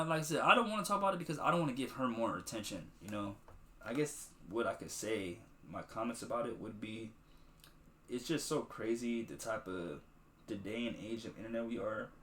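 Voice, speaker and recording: A man in his twenties hosting a podcast, talking casually in a rambling way, with many restarts, street slang and animated bursts. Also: lowish voice, slight background noise. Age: 20s. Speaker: podcast host. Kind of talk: casual solo podcast commentary.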